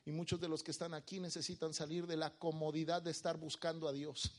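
A male preacher with a somewhat high-pitched voice delivers a live sermon with fervent conviction. He drops to near-confidential softness, then rises to ringing, emphatic calls. He pulls the congregation into call-and-response. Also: level tone, quick pace. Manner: swings between quiet intimate speech and loud emphatic declaration.

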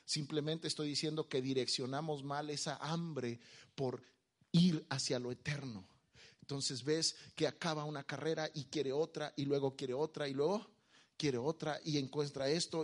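A male preacher with a somewhat high-pitched voice delivers a live sermon with fervent conviction. He drops to near-confidential softness, then rises to ringing, emphatic calls. He pulls the congregation into call-and-response. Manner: swings between quiet intimate speech and loud emphatic declaration.

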